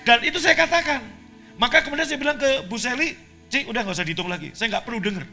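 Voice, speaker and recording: A male pastor from Indonesia preaching a sermon, swinging from quiet asides to shouted declarations. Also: extremely high pitch, animated, very fast, faint music behind.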